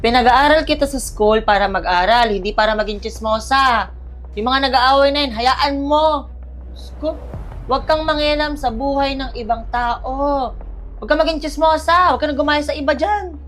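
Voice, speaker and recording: A woman's voice: high voice, moderate pace, fairly bright tone. A woman acting as a strict, nagging mother who lectures and scolds her daughter sarcastically in a comedy skit. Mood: scolding.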